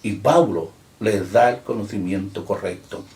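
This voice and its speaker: A low-pitched man delivers a sermon as pastor, reading scripture aloud with firm emphasis. He slows down and lifts his voice on key words. His voice rings around an echoey church room. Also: darkish tone.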